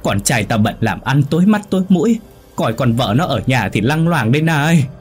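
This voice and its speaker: A man voicing a domineering old woman, the mistress of the house, who scolds and shouts at servants. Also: on the low side, normal speed, husky, soft background music. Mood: shrieking.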